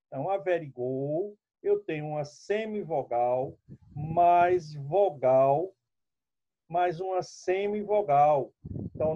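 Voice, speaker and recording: Man, teacher, explanatory lesson, slightly high voice, dull lo-fi recording. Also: warm tone. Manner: explanatory, addresses students directly. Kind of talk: classroom lesson.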